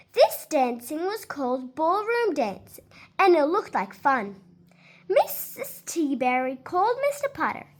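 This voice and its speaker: A high-pitched woman reads a children's storybook aloud, speaking expressively and deliberately for young listeners.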